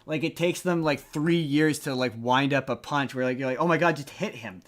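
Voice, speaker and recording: A man co-hosts a podcast, chatting casually while reviewing movies. His voice is a little high and his pace moderate, and he rambles, repeating himself for emphasis.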